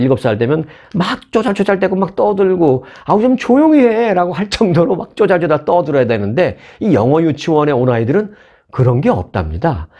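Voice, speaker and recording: A man talks through the day's news in a loose, conversational way, tossing in quick asides as he retells each story. His voice is mellow and warm, sitting at an ordinary middle pitch. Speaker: news commentator. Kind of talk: casual news commentary.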